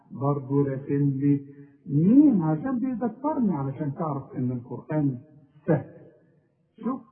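A man with an Egyptian accent teaching tajweed, slowly stretching out recited example words and quizzing the listener. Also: on the high side. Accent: Egyptian Arabic. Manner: repeats drawn-out example words, asks the listener questions. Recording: tinny phone-like audio.

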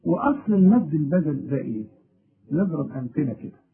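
A man's voice: on the high side, animated, fast talker, breathy edge. A man with an Egyptian Arabic accent teaching a recitation lesson, asking and then answering his own questions and stressing key words. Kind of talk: explanatory lesson. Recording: tinny phone-like audio.

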